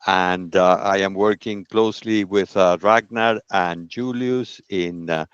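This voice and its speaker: Man, low voice, online call, brief encouraging replies, unhurried, muffled dry audio. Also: fairly even intonation, clean tone, no echo. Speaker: call participant. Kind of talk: video call introductions.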